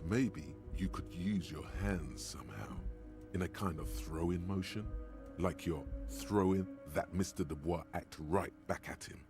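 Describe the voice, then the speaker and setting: A bass-deep taunting inner-voice narrator, game audio, music under. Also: male voice, unhurried. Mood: mocking.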